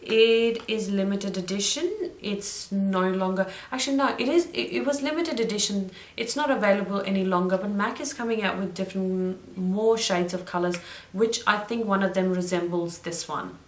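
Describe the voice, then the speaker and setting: A woman's voice: mid-range voice, moderate pace. A young woman talks her way through a makeup routine in an ordinary mid-range voice. She is chatty, wanders into little stories and stops to correct herself. The room adds a noticeable echo around her. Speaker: beauty vlogger. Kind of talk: makeup tutorial chat. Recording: roomy echo.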